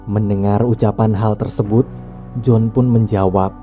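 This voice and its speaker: A man's voice: fairly low pitch, steady tone, a little slow, warm tone. A man reading a scripted film recap as a narrator, in a storytelling style with casual asides. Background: background music.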